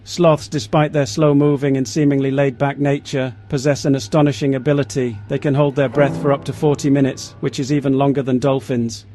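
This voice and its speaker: A man's voice: medium pitch, level tone, a little fast, few pauses, mellow. A man reading a scripted nature-documentary narration about facts. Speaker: narrator of an educational facts video. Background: background music.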